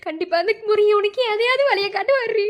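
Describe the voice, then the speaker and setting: A woman's voice: very high voice, fast talker. A woman voicing an anxious, loving village mother in a cartoon, pleading tearfully in a Madurai accent. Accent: Madurai Tamil. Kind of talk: cartoon voice acting.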